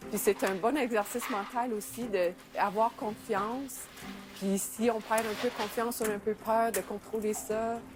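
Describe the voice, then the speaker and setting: Over music, a middle-aged mountaineer from Sudbury in Northern Ontario, Canada, reminisces casually for a documentary interview. Her voice is on the high side, steady and at a normal pace, and she's chatty, uses lots of fillers and laughs frequently.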